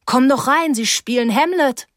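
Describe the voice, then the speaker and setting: A breezy, self-assured teenage schoolgirl, as a woman reader plays her, speaking in an airy and carefree way, slightly brighter and louder than the narration around her. The recording is close and dry. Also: high voice, normal speed, dry recording, pitched above the performer's own voice, lightly acted. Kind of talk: audiobook character voice.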